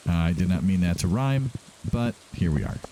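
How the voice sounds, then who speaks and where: His voice sits low and is expressive, with a dark tone and moderate pace, and there is slight background noise. He is a man doing casual let's-play commentary, addressing himself and the characters in the game.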